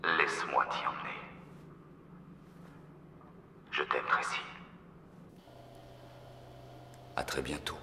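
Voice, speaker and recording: A man's voice: very deep voice, steady tone, a little fast, pushed and bright, reverberant, big-room sound, slight background noise, heavily acted. An actor playing a menacing, messianic villain in a film drama, preaching grandly to the woman he is obsessed with. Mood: possessive, tender menace. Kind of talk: dubbed film drama monologue.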